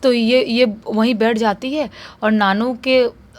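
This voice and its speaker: A woman's voice: fairly high pitch, slow. Woman telling a horror story. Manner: animated, conversational retelling. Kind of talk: casual spoken horror storytelling.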